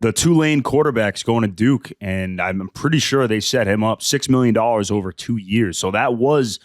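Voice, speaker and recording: A man co-hosts a casual sports podcast in a laid-back way, grumbling about his team now and then. His voice is mid-pitched and recorded close and dry. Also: normal speed, dry recording. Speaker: podcast co-host.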